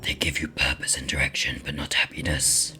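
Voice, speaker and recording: A woman voicing an ancient, gloomy male demon in a video game, scornful and pompous, in a breathy rasping whisper. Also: very deep voice, little pitch movement, music in the background, voice pushed down. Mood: stern, gloomy. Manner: pompous, slow, disdainful.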